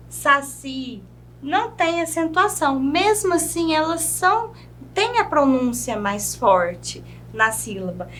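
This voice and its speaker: A Brazilian woman teacher giving a video grammar lesson, drawing out example words slowly and checking in with her class. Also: sits high, fairly bright tone, slight background noise. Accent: Brazilian Portuguese. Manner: slow, drawn-out pronunciation of example words; checks in with "né?" and "certo?".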